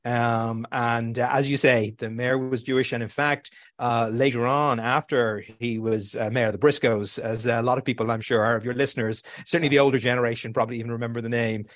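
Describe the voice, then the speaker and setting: A man with a light Irish accent tinged with New York, giving halting, conversational answers as an interview guest. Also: medium pitch, steady tone, no echo, clean studio sound. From Ireland. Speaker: guest, executive of a community organization.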